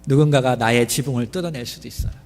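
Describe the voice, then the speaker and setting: A male pastor with a medium-pitched, a little mellow voice speaks fast during his sermon. He asks the congregation many questions, and the church sanctuary gives the recording a long hall reverb.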